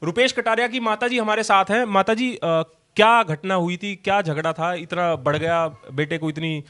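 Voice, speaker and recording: A man working as a local news reporter, giving a brisk summary of the incident and asking questions. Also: high-pitched, fairly even intonation, sharp tone.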